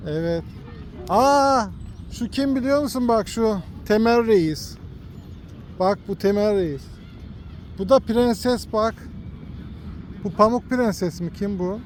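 A father films his son on a phone for a casual vlog at an outdoor park with cartoon statues, with slight background noise. His voice sits high and he talks slowly, leaving long pauses. His tone is patient and gently coaxing as he points things out to the toddler.

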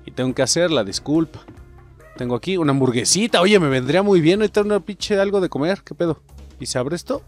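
A young man with a Mexican Spanish accent, commenting on his own gameplay with excitable, profane jokes aimed at his viewers. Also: fairly high pitch, quick pace, faint music behind. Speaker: gaming channel host.

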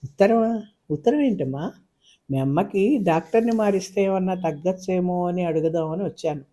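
Man reading as a worried, hushed father. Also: sits high, fairly quick, pitched above the performer's own voice, natural voice. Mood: flustered. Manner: hushed, hesitant. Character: worried middle-aged father, tender and anxious.

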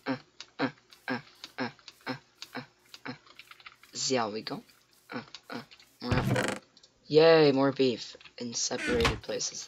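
A teenage boy with a cracking voice, rambling excitedly to himself as he plays a computer game. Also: mid-range voice, vocal fry, background noise. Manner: excitable, rambling, talks to himself while playing. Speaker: gamer. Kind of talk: casual game commentary. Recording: loud keyboard clicks and typing.

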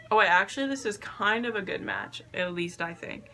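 A young woman vlogging casually, halting and unsure of herself, with a self-deprecating way of talking. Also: mid-range voice, bright, forceful tone. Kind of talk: casual makeup vlog chat. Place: attic bedroom, indoors. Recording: faint background noise, room ambience.

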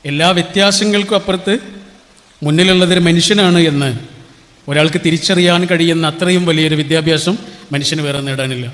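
A man's voice: on the high side, fairly quick, a bit bright. A middle-aged man giving an inspirational public speech. He tells stories and keeps asking the audience rhetorical questions. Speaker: motivational speaker. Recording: long hall reverb.

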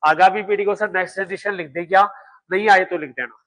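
A middle-aged man teaches a law exam coaching class, lecturing emphatically and repetitively while firing rhetorical questions at students. His voice is high-pitched with fairly even intonation, a bit bright, and he talks fast.

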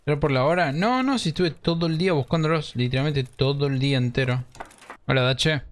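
A man with an Argentine accent giving excitable live gameplay commentary, swearing and mixing in English slang. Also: a little high, fairly quick. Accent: Argentine Spanish. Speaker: streamer.

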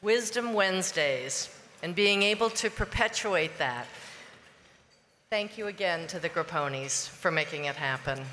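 A woman hosts a dinner program from a podium, thanking sponsors and announcing speakers with small laughs along the way. Her voice is bright and fairly low, carrying reverb from a large hall with faint hiss behind it. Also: lively intonation, measured pace. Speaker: event host.

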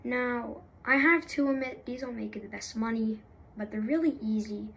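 A young woman chats off the cuff as a gaming YouTuber, rambling, restarting and apologizing as she goes. Her voice sits a little high, with a faint hiss of room noise behind her. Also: moderate pace, gravelly, rough recording. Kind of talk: unscripted casual commentary.

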